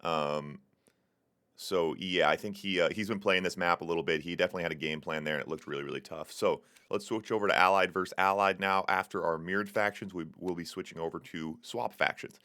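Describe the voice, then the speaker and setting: A deep voice, pushed and bright, carries fairly even intonation at a fairly quick clip as this young man casts a strategy game live. He's hosting the tournament stream too, keeping things chatty with many fillers and jokes for chat.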